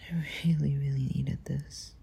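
A young woman speaking softly and hesitantly into a close mic, often whispering, in an ASMR girlfriend roleplay. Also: rumbling low, fairly even intonation, normal speed, gravelly, slightly rough.

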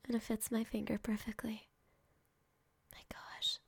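A young woman whispering softly and affectionately to a partner in an ASMR roleplay, speaking close to the microphone. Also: a little high, completely flat delivery, measured pace, vocal fry, slightly rough, no echo. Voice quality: soft whispering, intimate and affectionate. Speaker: girlfriend in a roleplay.

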